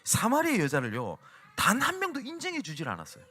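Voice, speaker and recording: A man's voice: high-pitched, wildly swooping pitch, quick pace, bright, forceful tone. A male pastor giving a Sunday sermon at a church service, preaching with energy and acting out the lines he quotes.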